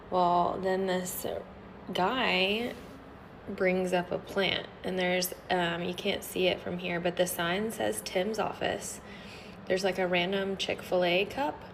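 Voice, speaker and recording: A woman's voice: fairly low pitch, vocal fry, noisy background. A woman casually telling viewers about something she is filming. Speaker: office worker filming a curious sight. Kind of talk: casual storytelling to phone.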